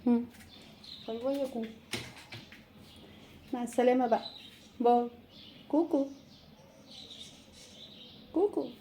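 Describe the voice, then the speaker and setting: A woman with an Egyptian Arabic accent, talking softly and coaxingly to her cat in casual pet talk. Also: fairly high pitch, measured pace, pauses often, a little hiss or hum. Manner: soft, coaxing, sing-song pet talk. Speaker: pet channel host. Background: faint birdsong outdoors.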